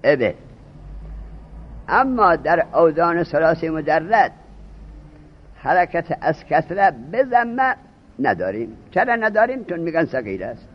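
A man's voice: fairly high pitch, sing-song, long pauses. A man teaching a class in a lecture style. He keeps asking his students questions and repeats the key terms. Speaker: teacher of Arabic morphology. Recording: dull, husky lo-fi recording.

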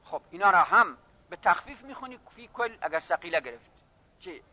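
A man teaching a classroom lesson on grammar, reading phrases slowly and then explaining them briskly while addressing his students. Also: sits high, big pitch swings, pushed and bright. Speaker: seminary teacher of Arabic grammar.

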